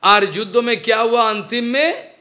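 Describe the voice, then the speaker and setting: A man's voice: extremely high pitch, moderate pace, pushed and bright. A man giving a devotional lecture, telling a story and explaining it step by step, repeating his phrases and slipping in English words. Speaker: spiritual teacher.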